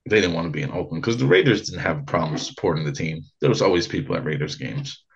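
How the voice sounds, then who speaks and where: Husky-voiced podcast host man. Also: a bass voice, dull audio. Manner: lively, questioning, quick asides. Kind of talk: casual podcast chat.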